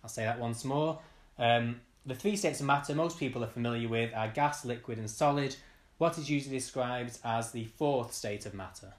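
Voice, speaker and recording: A man's voice: medium pitch, normal speed. A man hosting a casual quiz, reading each question out and repeating it. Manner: upbeat, reads questions twice. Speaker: quiz host.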